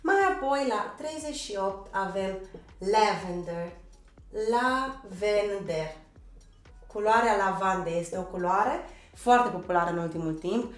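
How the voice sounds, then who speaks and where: A woman from Romania teaches an online language lesson in a roomy, echoing space, speaking into a desk microphone. She spells words out letter by letter and drills pronunciation, and she keeps checking in with her learners. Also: mid-range voice. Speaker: English teacher.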